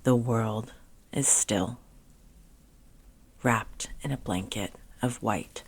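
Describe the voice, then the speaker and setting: A woman guides a soothing meditation, hushed and gentle, pausing deliberately and letting her phrases end softly. Her voice rumbles low with a breathy edge.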